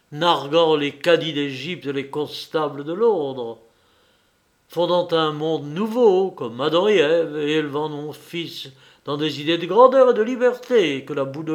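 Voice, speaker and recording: A man's voice: fairly high pitch, lightly acted. A man voicing an impassioned, grandiose suitor who threatens his rival, declaiming his lines with fervor.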